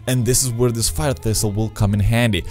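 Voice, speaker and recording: A young man gives casual gameplay commentary in a mid-pitched voice. He is close to the mic in a small room, with game music playing behind him. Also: steady tone, fairly quick, darkish tone. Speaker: video game let's player. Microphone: close desk microphone with headset.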